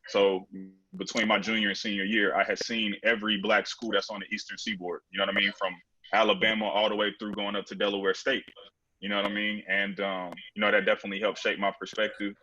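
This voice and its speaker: A man in a casual panel discussion who talks in a relaxed way, full of fillers and "you know what I mean". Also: lowish voice, fast. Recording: dull lo-fi call audio.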